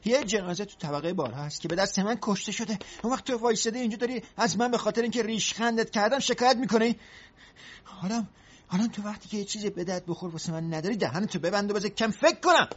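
A man voicing a jittery, hapless would-be burglar who snaps and shouts in a dubbed comedy. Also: sits high, husky, lo-fi sound. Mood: panicked.

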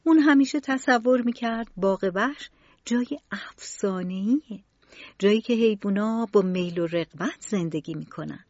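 A woman storyteller narrating a children's storybook in an expressive, varied way. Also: medium pitch, no room sound. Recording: dull lo-fi recording.

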